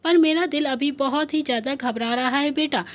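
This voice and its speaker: A woman's voice: sits high, normal speed, natural voice. A woman reading as an anxious scolding mother. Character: worried devoted middle-aged mother.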